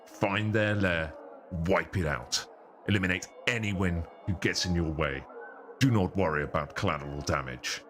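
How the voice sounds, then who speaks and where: Man using a voice changer, deep guard captain, curt commands, faint music behind. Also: normal speed, a bit bright. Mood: stern. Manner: curt, authoritative orders. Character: stern commanding male captain of the city guard. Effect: voice changer deepening the voice. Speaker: game master.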